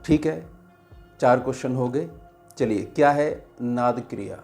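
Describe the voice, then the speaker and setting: A man, a spiritual teacher, giving a devotional teaching talk in a slow, measured way with pauses. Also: medium pitch, creaky, a little mellow, soft background music.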